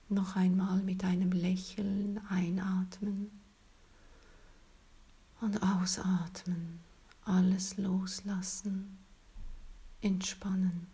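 This is scripted narration for a guided relaxation, delivered by a woman whose medium-pitched voice stays a gentle, breathy, calming whisper reminiscent of a spa.

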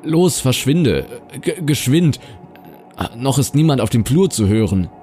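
A man's voice: medium pitch, big pitch swings, unhurried, warm tone, voice pushed up. A man voicing a frail, paranoid old grandfather in a nursing home, stammering and repeating his words, over music. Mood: panicked.

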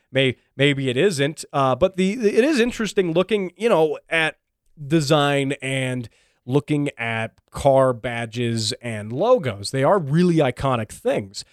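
A man's voice: mid-range voice, animated, a little slow, dry recording, clean studio sound. A man hosting a casual commentary show, talking in a chatty, wry way with plenty of fillers and restarts. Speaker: show host.

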